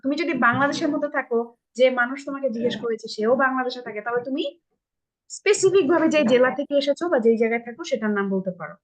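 A woman's voice: high-pitched, lively intonation, racing. A woman with a Bangladeshi accent teaching English to children in an online live class over a video call, patiently repeating model phrases and checking that everyone understands.

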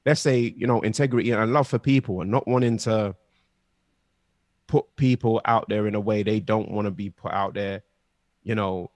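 A man's voice: fairly low pitch, steady tone, moderate pace, no room sound. A young man co-hosting a podcast, talking earnestly and pressing his points with slangy asides. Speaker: podcast co-host. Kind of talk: casual chat.

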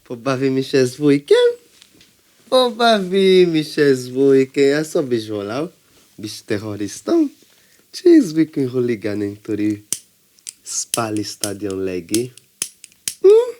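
Guy as irresponsible chill uncle teasing a baby, mellow, slow, baby talk, comedy skit. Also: on the high side, lively intonation, smooth. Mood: playful, teasing. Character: laid-back, irresponsible uncle entertaining a baby. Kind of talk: comedy sketch acting.

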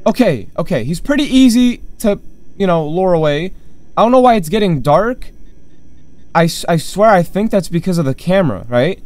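A man's voice: high voice, expressive, normal speed, a little mellow, soft background music. A man hosting a horror game let's play, confused and jumpy, talking to himself as he plays. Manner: jumpy, confused, talks to himself while playing. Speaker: gaming channel host.

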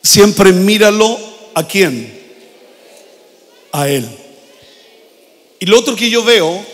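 High-voiced older pastor preaching. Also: male voice. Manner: preaching with rising intensity, shouting prayers, repeating phrases. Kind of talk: sermon. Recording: long hall reverb.

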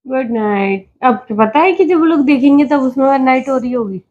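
A woman's voice: high voice, normal speed, a little mellow, highs cut off. A young woman in a home prank video, scolding her husband in an exasperated, casual way. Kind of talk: casual couple banter.

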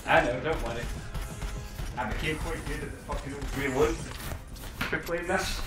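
A young man giving loud, sweary commentary while playing a VR shooter, taunting the enemies and getting out of breath. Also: a little high, moderate pace. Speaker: gaming video creator. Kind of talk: excited gameplay commentary. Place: room while playing a VR game. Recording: roomy, distant mic, game music behind.

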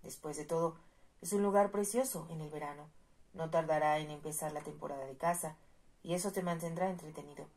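A worldly captain who coaxes his friend with easy reasoning, as a woman narrator reads him in a low, husky voice. The delivery is calm and persuasive, as in a storybook reading. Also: a little fast.

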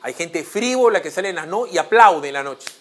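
A middle-aged Peruvian man presents the news in a studio. His voice is high and sharp, and he comments emphatically, indignant and posing rhetorical questions. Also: expressive, fairly quick.

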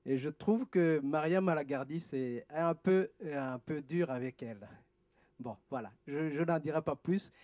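Rwandan guy talking from the audience on a handheld mic, slightly high voice but dark tone, hesitant then emphatic. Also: unhurried. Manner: hesitant start, growing emphatic when recounting an argument. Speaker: audience member asking a question. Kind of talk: spontaneous remarks from the floor. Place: large auditorium, seated in audience. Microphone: handheld microphone.

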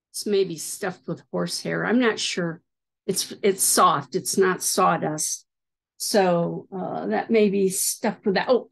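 A woman's voice: medium pitch, creaky. A middle-aged woman hosting a needlework video, showing items in a casual, hesitant way with many fillers. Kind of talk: casual show-and-tell.

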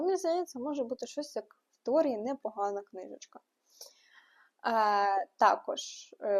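Young female book vlogger, a bit high-pitched, casual and opinionated. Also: a little mellow. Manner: chatty, quick asides and frank opinions. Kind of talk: casual book news roundup.

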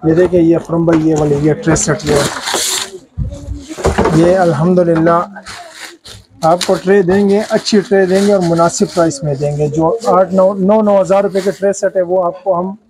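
A man's voice: high-pitched, fairly even intonation, moderate pace, noisy background. A man, a shopkeeper eagerly showing products in a crockery shop. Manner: eager salesman's patter, often says "alhamdulillah".

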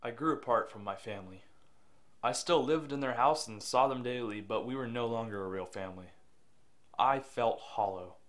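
A young man playing a troubled young man who narrates quietly and with regret, and who snaps back in family arguments. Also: mid-range voice, moderate pace, natural voice. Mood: regretful. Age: young adult. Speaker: lead actor and narrator. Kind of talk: reflective voice-over narration and dialogue.

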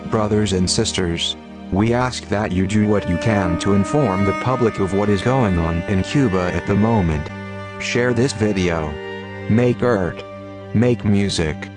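Disguised deep male voice, solemn and measured. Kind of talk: scripted activist statement. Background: loud music.

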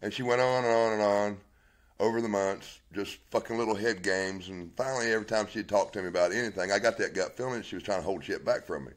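A blunt man speaks into a phone at arm's length, swearing in nearly every line as he recounts a story. He acts out both sides of past arguments in a rough, working-class way of talking. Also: lowish voice, fast. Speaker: man telling his story on a live video. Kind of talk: raw, heavily profane personal account. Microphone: phone held at arm's length.

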